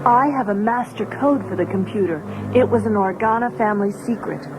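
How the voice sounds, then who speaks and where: An actress playing a composed, commanding rebel princess who leads a mission. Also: female voice, medium pitch, brisk, close to an everyday voice, low-quality recording. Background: music.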